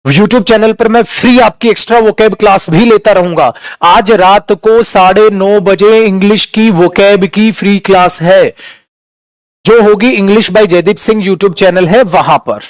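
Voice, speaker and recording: A man with a high voice, caught close and dry on the mic, gives an online English lesson. He talks to his students familiarly and stretches out words to show how they sound. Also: measured pace, no echo. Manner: addresses students as beta and dear, demonstrates pronunciation. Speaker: English teacher. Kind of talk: online class lecture.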